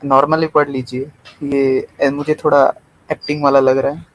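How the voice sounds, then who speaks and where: Calm questioning man on a debate call. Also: mid-range voice, a little slow. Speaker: debate guest. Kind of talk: live online debate.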